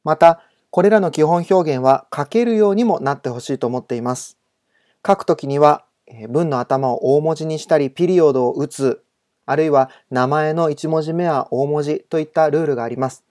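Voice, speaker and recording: A man teaching English in a recorded home-study lesson, giving polite instructions and reading example sentences slowly and carefully. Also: on the high side, darkish tone.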